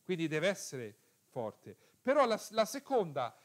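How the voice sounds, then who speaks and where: A man's voice: high voice, huge pitch swings, measured pace. A man teaching a class, who repeats the key rules, puts questions to his students and often hesitates and corrects himself. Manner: frequent hesitations and self-corrections. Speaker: teacher of biblical Hebrew. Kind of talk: lecture to students.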